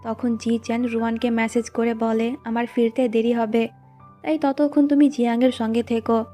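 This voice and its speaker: A woman's voice: on the high side, little pitch movement, normal speed, dark tone, faint music behind. A woman narrating and recapping the plot of a drama in a plain storytelling way, reading the characters' lines in her own voice. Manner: plain recounting, reads quoted lines in the same voice.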